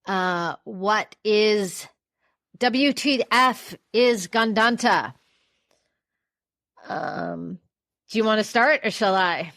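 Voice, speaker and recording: Lady podcast host, kinda stuffy nose, playful, mid pitch, dead dry mic. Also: very slow, creaky, long pauses, fairly bright tone, no echo. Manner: playful, upbeat intro delivery. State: congested. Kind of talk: casual podcast chat.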